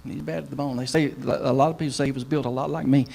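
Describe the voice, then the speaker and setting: A man's voice: medium pitch, fairly even intonation, racing, creaky, heavy background noise. A middle-aged man, preaching a sermon in a folksy, humorous storytelling way. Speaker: pastor.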